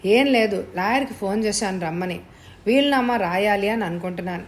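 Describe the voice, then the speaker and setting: A woman's voice: mid-range voice, fairly quick, lightly acted. A woman reading the part of an older wealthy lady who speaks in an earnest, confiding way in an audio story.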